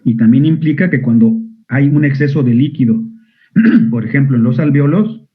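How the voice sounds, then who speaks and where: A man's voice: mid-range voice, animated, moderate pace. Man lecturing over a tinny line. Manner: asks students frequent questions, clears throat often. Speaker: medical school lecturer. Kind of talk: online physiology lecture. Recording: narrow phone-like audio.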